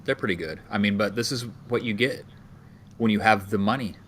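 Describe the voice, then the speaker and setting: A man's voice: on the low side, a little fast, fairly bright tone, a little hiss or hum. A man co-hosting a music podcast, talking casually and easily, often restarting his sentences. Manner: easygoing, hesitant restarts. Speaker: podcast co-host. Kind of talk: casual chat about music videos.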